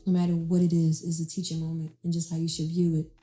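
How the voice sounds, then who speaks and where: A woman who runs her own business, talking in a relaxed, reflective way as an interview guest. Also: deep voice, fast talker, soft background music. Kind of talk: casual interview chat. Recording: roomy echo.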